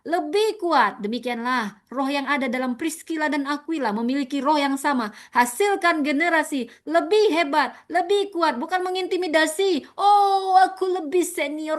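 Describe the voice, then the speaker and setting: A woman preaching a sermon, animated, repeating words for stress and jumping high to mimic others. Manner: animated, leaps to high pitch for emphasis and mock quotes; addresses listeners as "saudara", repeats words for stress.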